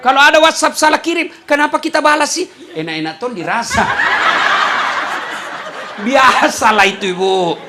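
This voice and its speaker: A man gives a comic sermon, and his pitch leaps about as he slips into the voices of the people in his stories. His voice sits high and bright. A faint crowd murmurs behind him, with light background noise. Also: normal speed, long pauses. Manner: animated, acts out voices of listeners and himself. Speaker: preacher. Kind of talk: humorous sermon.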